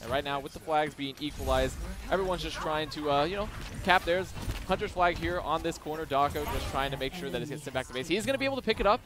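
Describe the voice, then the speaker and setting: Fast-talking esports play-by-play man. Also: on the high side, background noise. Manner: excitable, rising with the action. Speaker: esports commentator. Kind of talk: play-by-play commentary.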